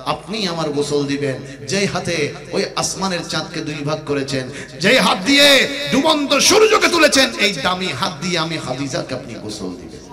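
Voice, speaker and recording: A man preaching in his own voice, softening and lowering it as he voices the words of a dying, devoted elderly noblewoman. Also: very animated, normal speed. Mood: tender, grieving. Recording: echoey reverberant hall with loud crowd.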